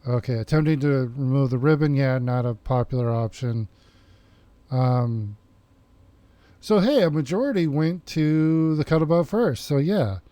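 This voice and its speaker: Laid back dude doing game commentary, slow, mellow tone, lots of ums. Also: male voice, medium pitch, animated, no echo. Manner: hesitant and musing, lots of fillers. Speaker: gaming channel host. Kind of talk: casual let's play commentary.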